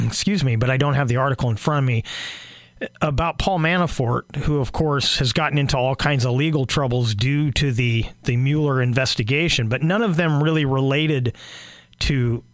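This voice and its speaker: A hoarse man delivers solo political commentary at a middle pitch, stumbling through restarts and fillers as he goes. The sound is dry and close, with no room around it. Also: no room sound. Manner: halting, many fillers and restarts. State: losing his voice, clearing throat.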